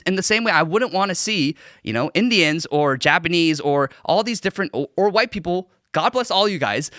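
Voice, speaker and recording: A man's voice: on the high side, pushed and bright, no echo, studio quality. A young man from Korea, a podcast guest, talking earnestly and emphatically on a political panel, often repeating himself for stress.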